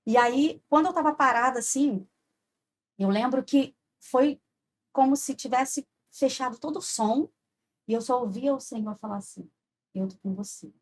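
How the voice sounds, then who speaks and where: A woman's voice: high-pitched, moderate pace. A woman, a podcast guest telling an earnest personal faith story and often checking in with "sabe?". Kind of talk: heartfelt personal testimony.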